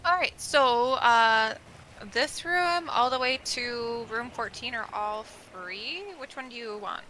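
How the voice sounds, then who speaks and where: Bright, high-voiced woman playing a realtor. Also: takes it slowly, a little hiss or hum, low-quality recording. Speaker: realtor character in roleplay. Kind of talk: in-character roleplay chat.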